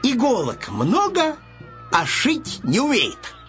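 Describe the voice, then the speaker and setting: A man voicing a brave, cheeky little piglet from a storybook, in a high, chirpy voice. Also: huge pitch swings, slow pace, fairly bright tone, faint music behind, full character voice.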